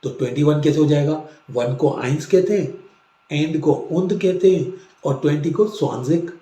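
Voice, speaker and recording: A man teaching a language lesson, explaining slowly and repeating each word for drilling. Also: a little high, mellow, roomy sound. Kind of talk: classroom-style language lesson.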